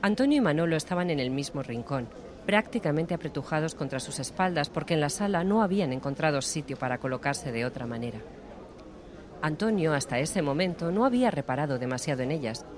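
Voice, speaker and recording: A man narrating an audiobook in a steady, measured storytelling voice. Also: a little high, crowd noise. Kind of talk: scripted narration.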